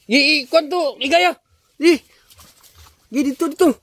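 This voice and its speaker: A man, talking loud and urgently outdoors while trying to calm others down. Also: very high voice, a little slow.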